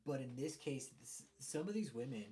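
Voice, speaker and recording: A Texan man hosts a live stream with casual commentary, speaking at normal speed with a medium pitch and lively intonation. He is blunt and profane and greets chat viewers by name. A desk mic with a loose plug makes him sound quiet and far off, as if talking through a tube.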